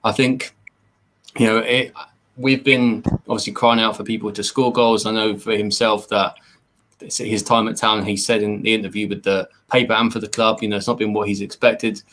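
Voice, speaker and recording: English bloke on a fan podcast, lowish voice, goes on earnestly with lots of "you know". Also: male voice, level tone, normal speed, a bit bright, slight background noise. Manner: earnest, rambling with many fillers. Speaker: podcast co-host. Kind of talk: casual fan podcast chat.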